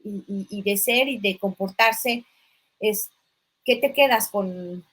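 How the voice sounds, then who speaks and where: Woman interviewer, middle-pitched, stumbles through questions, encouraging backchannels. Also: slow, a bit bright, slightly rough. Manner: hesitant questions with many repetitions, frequent backchannels. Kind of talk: casual interview conversation.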